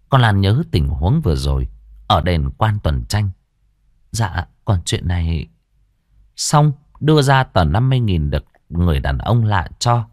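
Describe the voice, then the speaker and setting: Expressive lowish male storyteller. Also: dry recording, studio quality. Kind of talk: scripted story narration.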